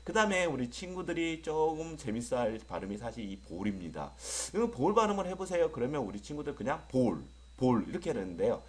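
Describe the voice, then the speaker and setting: Lively man teaching English vowels. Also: mid-range voice. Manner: repeats English words slowly with drawn-out vowels; addresses students as friends, jokes lightly. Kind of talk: online lecture.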